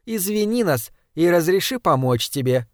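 A composed, coldly courteous lady, read by a man in a soft, even, polite voice. Close and dry. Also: fairly low pitch, moderate pace, dry recording, close to an everyday voice. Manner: politely soothing, coldly calm. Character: cold composed lady leading the group.

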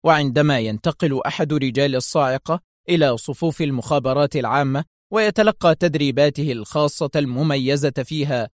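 A man narrating a thriller novel aloud in a steady, dramatic storytelling manner. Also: fairly high pitch, brisk, no echo, clean studio sound.

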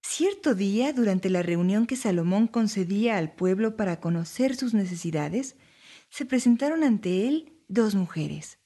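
A woman narrating Bible stories for families in a clear, even storybook reading. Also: medium pitch, unhurried.

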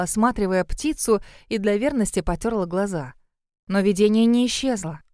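A woman narrates a fantasy audiobook in a steady, even storytelling manner. Her voice is smooth and clean. It is recorded dry and close to the mic. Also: medium pitch, dry recording.

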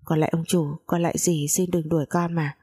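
Woman reading as a weeping young maid, pleading, low husky voice. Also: level tone, brisk, warm tone. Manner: begging, tearful.

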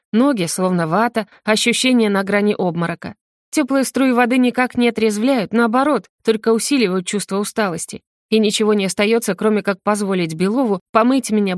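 A woman's voice: mid-range voice, dry recording, studio quality. A woman narrating a first-person story in an intimate, confessional reading voice. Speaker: audiobook narrator.

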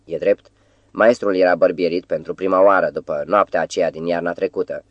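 A man reads a novel aloud in a measured way. His voice is very low. The sound is dry and close, with no room echo. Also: steady tone, lo-fi sound. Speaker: audiobook narrator. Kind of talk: scripted narration.

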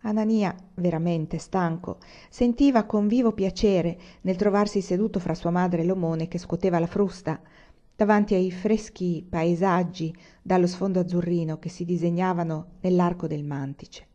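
A woman reads a novel aloud, measured and unhurried, her voice dark and mellow and set low. The recording is dull and lo-fi. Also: fairly even intonation. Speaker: audiobook reader. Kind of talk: scripted narration of a novel.

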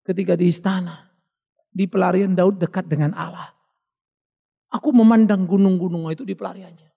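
A man's voice: high voice, fairly even intonation, normal speed, creaky, big-room sound, highs cut off. A male pastor preaching a sermon in a dramatic way, acting out the voices he quotes and dropping in English words.

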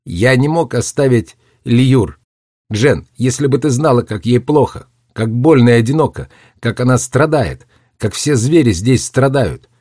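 A man's voice: mid-range voice, animated, a little slow, a little mellow, no echo, studio quality, voice pushed up. A man reading a story aloud and voicing a guilty young boy who pleads in a slightly nasal voice. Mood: pleading.

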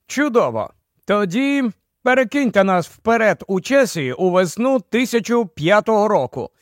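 A man doing a brisk commanding leader. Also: sits high, very animated, no room sound, clean studio sound, voice pushed up. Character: brisk take-charge male expedition leader.

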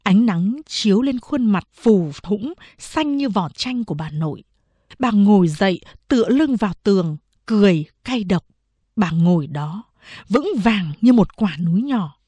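A woman reading a novel aloud as an audiobook narrator, measured and steady. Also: mid-range voice, husky, dry recording.

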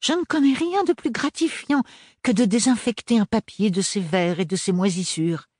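A woman's voice: medium pitch, normal speed, a little mellow, slightly rough, no echo, clean studio sound, voice pushed up, lightly acted. A man reading an audiobook, voicing a cheerful, fussy aunt who speaks in an eager, encouraging way.

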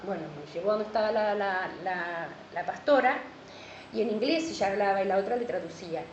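A woman's voice: mid-range voice, brisk, a little hiss or hum. A middle-aged woman pastor with a Rioplatense Spanish accent, preaching a sermon and telling a personal testimony, repeating words and often saying amen. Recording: echoey hall, dull lo-fi sound.

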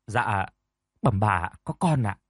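A man's voice: lowish voice, lively intonation, slow, dry recording, studio quality. A man voicing a timid, deferential young maidservant explaining herself to her mistress. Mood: flustered. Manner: deferential, flustered. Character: timid young female servant.

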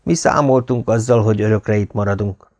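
A man's voice: lowish voice, a little mellow, no echo, lightly acted. A man voicing a loyal, devoted Spanish soldier in an audiobook, speaking solemnly and earnestly. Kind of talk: audiobook character reading.

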